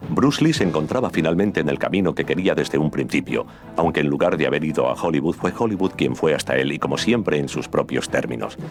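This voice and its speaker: A male narrator with an exceptionally deep, low voice reads a documentary script in a measured, steady way. Music plays clearly underneath him throughout.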